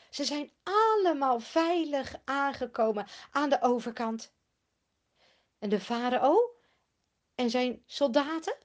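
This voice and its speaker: Animated woman telling a Bible story. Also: sits high. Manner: animated, expressive storytelling with questions to listeners. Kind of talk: Bible story told to children.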